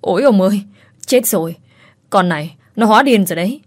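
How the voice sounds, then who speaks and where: A woman's voice: medium pitch, lively intonation, brisk, close to an everyday voice. Woman doing a whimpering male servant. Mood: pleading. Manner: pleading, whimpering. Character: frightened whining male servant.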